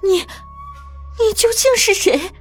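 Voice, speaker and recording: A woman's voice: extremely high pitch, sing-song, brisk, soft background music. A woman voicing a terrified young woman who stammers out trembling questions. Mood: frightened, pleading.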